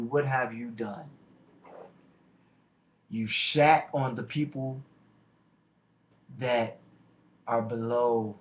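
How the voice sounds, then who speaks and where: A man delivering a boastful, taunting wrestling promo as a monologue, with deliberate dramatic pauses. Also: medium pitch. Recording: dull lo-fi microphone recording.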